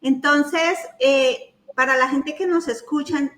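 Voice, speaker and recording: Mujer presentadora de voz aguda, conversación animada y risueña; grabación con eco de sala. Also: female voice, high voice, slow. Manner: lively, laughing storyteller. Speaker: host. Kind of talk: casual interview talk. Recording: roomy echo.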